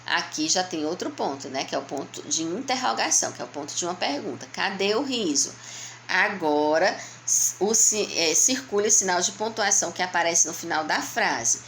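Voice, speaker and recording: Patient Brazilian schoolteacher, low voice. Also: female voice, lively intonation, a bit bright, slight background noise. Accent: Brazilian Portuguese. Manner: patient, slow, explaining step by step to young children; answers her own questions in a child's voice. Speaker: primary school teacher. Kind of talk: remote lesson walking through a workbook.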